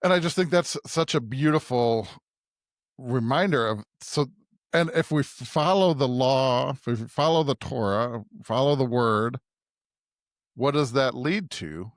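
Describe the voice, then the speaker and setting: Speaking a little slowly in a mid-range voice, a male co-host talks through scripture on a conversational podcast, thinking out loud and often ending with a tag question to check in. The recording is dry and studio quality.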